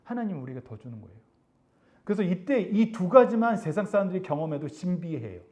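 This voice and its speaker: A middle-aged male youth pastor preaching to teenagers in a church service, animated and conversational, acting out voices of others. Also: a little fast. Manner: animated, acts out classmates' taunts, drops soft and low for God's comfort. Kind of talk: sermon to teenagers.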